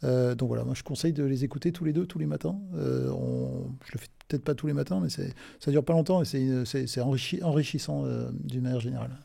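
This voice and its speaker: Gravelly middle-aged man, hesitant chat. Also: mid-range voice, fast talker, few pauses, dark tone, no room sound. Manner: hesitant, many fillers and restarts, informal. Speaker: podcast guest, recruitment firm director. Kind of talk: casual podcast interview.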